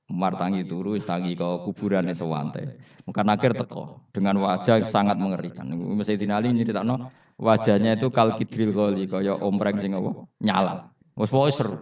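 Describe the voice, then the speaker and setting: A man's voice: lowish voice, moderate pace, darkish tone. A man with a Javanese accent preaching a Quran study sermon, telling stories and putting questions to the audience. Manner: storytelling with questions to the audience and laughter. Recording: roomy, distant, dull hall recording.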